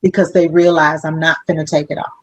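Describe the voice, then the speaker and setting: A woman's voice: low voice, fast talker, no room sound, rough recording. Woman, social worker, humorous storyteller, plays out other voices, dry recording. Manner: lively and humorous, acting out other people's voices. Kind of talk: casual interview storytelling.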